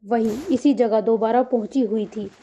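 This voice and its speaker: A woman reading the lines of a defiant, sharp-tongued young woman who mocks and talks back, in an audiobook story. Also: fairly high pitch, fairly even intonation, highs cut off, natural voice. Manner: defiant, mocking.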